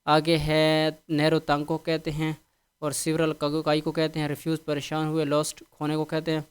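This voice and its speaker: A man's voice: fairly high pitch, monotone, clean tone. A man teaching English vocabulary, going through a word list patiently and repeating a set phrase after each meaning.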